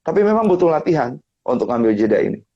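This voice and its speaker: A man giving a casual motivational talk as a guest, his voice somewhat husky. He tells stories animatedly and voices other people with sharp jumps upward in pitch. The stream audio is dull and lo-fi. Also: quick pace. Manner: animated storytelling, acting out others' lines with big pitch jumps. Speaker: guest speaker on family topics. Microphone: live-stream mic.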